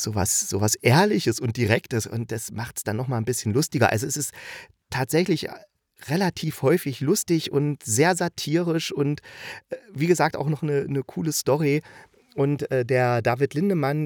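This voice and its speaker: A man with a mid-range, slightly mellow voice hosts a casual podcast reviewing radio plays, delivering a chatty monologue that is enthusiastic, colloquial and rambling. The recording is dry, with clean studio sound.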